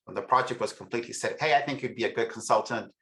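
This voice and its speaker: A man's voice: mid-range voice, fast talker, fairly bright tone. A middle-aged man from El Salvador, a researcher and author, speaking as a podcast guest in a reflective way with frequent restarts. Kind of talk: podcast interview.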